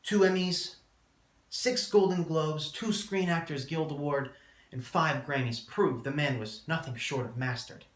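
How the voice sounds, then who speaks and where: A man delivering a prepared eulogy as a speech, solemn and measured, with deliberate pauses. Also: fairly high pitch. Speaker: student speaker giving a eulogy. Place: indoor room, public speaking class. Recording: roomy, echoing room sound.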